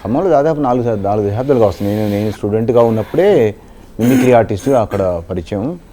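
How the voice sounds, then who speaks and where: A man's voice: fairly low pitch, lively intonation, fast talker, dark tone, slight background noise. A middle-aged man from southern India, a ventriloquist and mimicry artist, telling his story in an interview, rambling and restarting phrases. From Khammam region, southern India.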